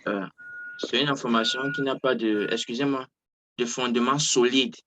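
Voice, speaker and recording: Speaking at normal speed, this man coaches on trading over a Zoom call in a hesitant, casual manner full of fillers and restarts. His medium-pitched voice sounds pushed and bright, with fairly even intonation.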